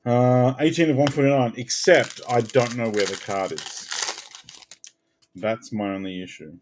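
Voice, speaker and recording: A man hosting a card break, chatting casually and bursting out loudly as he calls out the cards he pulls. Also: medium pitch, measured pace, noisy background. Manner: animated, bursts out loudly calling card names. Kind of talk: casual live card-opening chat.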